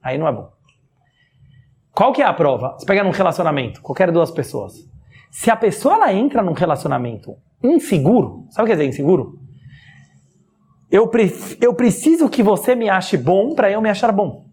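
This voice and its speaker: A man's voice: high voice, big pitch swings, normal speed, a little mellow, husky. A man with a Brazilian Portuguese accent, a rabbi giving a spoken religious lesson, who asks rhetorical questions and chuckles often. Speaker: rabbi teaching a class.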